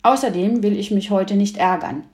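A woman voicing a stubborn, eager young boy who speaks up loudly, in a roomy-sounding recording. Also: medium pitch, moderate pace, natural voice.

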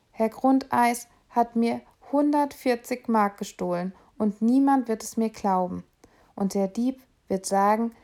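A woman's voice: medium pitch, dark tone. A woman reading aloud, voicing a worried young boy who pleads and stammers with a raised, earnest voice. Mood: glum. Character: young boy alone in the big city, anxious but proud. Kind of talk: audiobook reading.

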